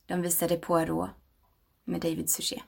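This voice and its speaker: A woman in her thirties reading a personal meditation aloud, slow and intimate, often sinking toward a whisper. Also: lowish voice, monotone, vocal fry, darkish tone. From Sweden. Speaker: narrator.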